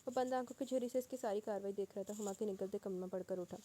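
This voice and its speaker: A woman narrating a novel as an audiobook reader, in a steady storytelling manner. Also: medium pitch, slight background noise.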